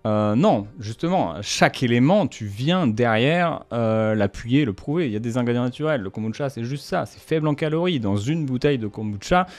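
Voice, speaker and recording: A man's voice: medium pitch, expressive, normal speed, hardly any pauses, darkish tone, soft background music. A man giving casual, slangy commentary with punchy asides, breaking down a brand's marketing. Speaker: YouTuber analysing brand marketing.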